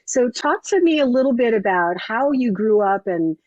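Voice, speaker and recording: A woman's voice: fairly high pitch, lively intonation, normal speed, a little mellow, no room sound. A woman hosting an interview, talking reflectively and affirming her guest, with frequent restarts. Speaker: host. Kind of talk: casual interview chat. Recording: dull lo-fi dry recording.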